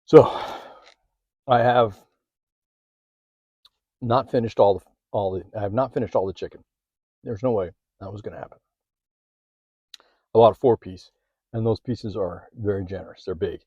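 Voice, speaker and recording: A man's voice: lowish voice, normal speed, long pauses, warm tone, breathy edge, dry recording, highs cut off. A man hosting a casual food vlog, chatting as he eats, sometimes with his mouth full, filming one-handed in a parked car. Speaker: food vlogger. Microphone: handheld phone or camera.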